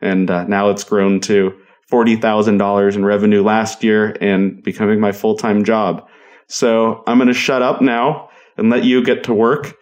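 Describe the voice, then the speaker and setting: A man's voice: on the low side, level tone, normal speed, highs cut off. A man in his thirties hosting a podcast solo, talking casually and motivationally to the listener. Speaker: podcast host.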